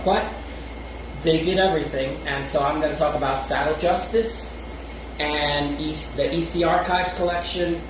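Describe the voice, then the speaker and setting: With a voice a little on the high side, this Brooklyn-accented co-host rambles through a casual chat show, laughing lightly between thoughts and frequently starting over. He's recorded off-mic from a distance amid noise and heavy echo.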